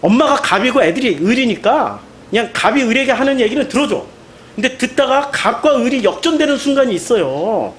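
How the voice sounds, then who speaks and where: A male pastor delivering a sermon in an emphatic, animated way, full of rhetorical questions. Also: very high voice, a little hiss or hum.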